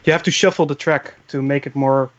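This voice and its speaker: A man's voice: medium pitch, fairly even intonation, brisk. A man reviewing a track in a casual chat, hesitant with many fillers. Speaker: show panelist. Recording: dull lo-fi mic.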